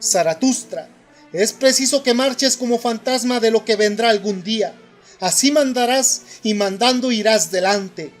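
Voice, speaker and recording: A man's voice: extremely high pitch, a little slow, soft background music. A man reading the lines of a stern, voiceless inner voice in a spoken audiobook, grave and urging. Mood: commanding.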